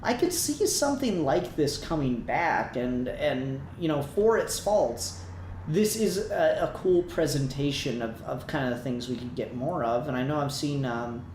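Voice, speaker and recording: This podcast co-host's voice is medium-pitched, expressive and a little mellow, with a measured pace. He chats casually about a review, rambling and working out his thoughts aloud. Noticeable background noise and a roomy echo fill the recording.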